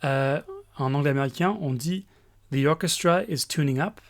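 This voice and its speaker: A man teaching English grammar in a recorded lesson, explaining step by step with pauses and fillers. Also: on the high side.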